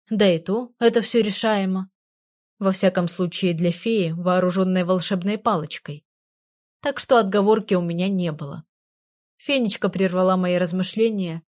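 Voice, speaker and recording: A woman narrating a children's storybook in the first person with an even storytelling delivery. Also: mid-range voice, normal speed. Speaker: audiobook narrator.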